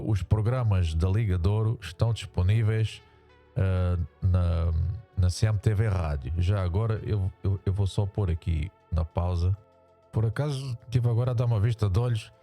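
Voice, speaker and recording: Man through a deep voice changer. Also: mellow. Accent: European Portuguese. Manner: rambling, many restarts and repetitions. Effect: voice changer, pitched down. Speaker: YouTuber reacting to a sports show. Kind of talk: casual commentary to viewers.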